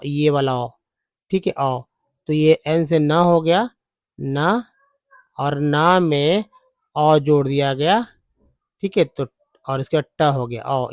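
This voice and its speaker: A man talks through an English reading lesson, breaking words into letters and repeating them. He speaks very slowly in a slightly high voice. The recording is dry and close. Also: dry recording. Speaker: English teacher. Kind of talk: spelling and pronunciation lesson.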